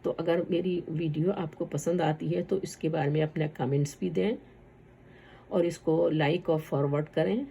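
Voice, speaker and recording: A woman teaching an online lesson on Quranic recitation, patiently repeating each sound slowly for learners. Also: low voice, steady tone, vocal fry, mellow, a little hiss or hum.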